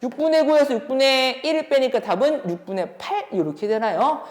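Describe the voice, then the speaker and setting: Working through exam solutions one step at a time, a female math teacher keeps asking questions along the way. She speaks briskly in a high voice with a darkish tone, in an echoey room with long reverb.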